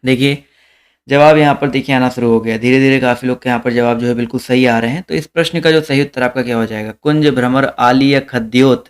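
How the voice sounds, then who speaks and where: A man's voice: medium pitch, steady tone, fast, clear, resonant tone. A young man teaching a live online exam-prep class, reading questions aloud, repeating them and calling out the answers to his viewers.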